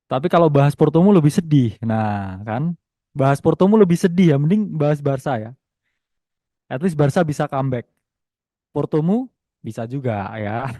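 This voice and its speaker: A man's voice: mid-range voice, mellow, dry recording, studio quality. A young man with an Indonesian accent hosts an online trading webinar in a casual, teasing way, reading the chat aloud and tagging his lines with "ya". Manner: chatty, teasing, reads chat aloud, many tag "ya". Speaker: webinar host and trading teacher.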